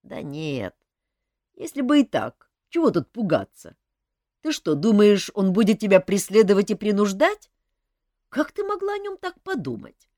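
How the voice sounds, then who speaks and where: A woman voicing Elmar, a big, strong, kindly young man with a blunt, gruff, comforting way of talking. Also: mid-range voice, very animated, normal speed, darkish tone, dry recording, clean studio sound, pitched above the performer's own voice, close to an everyday voice. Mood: earnest.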